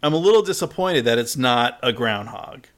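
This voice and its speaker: A man's voice: mid-range voice, expressive, normal speed, fairly bright tone. Man explaining a film scene. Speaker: podcast co-host. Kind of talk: casual film discussion.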